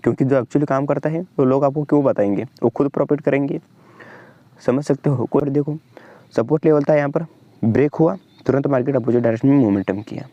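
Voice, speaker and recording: A young Indian man with an Indian accent, rapidly walking through a trading chart tutorial and pointing things out again and again. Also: mid-range voice, warm tone, no room sound, dull audio. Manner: fast, repetitive explainer, keeps pointing at the chart. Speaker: trading channel host. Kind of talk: screen-share trading tutorial.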